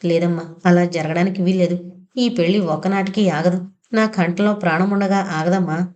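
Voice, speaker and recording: A sick old father, full of sorrow, pleads in a low, mellow voice, as a woman narrator reads his part. His lines in this audio novel are heavy and weary. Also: steady tone, moderate pace, natural voice. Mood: grieving. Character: ailing elderly father, grieving and anxious.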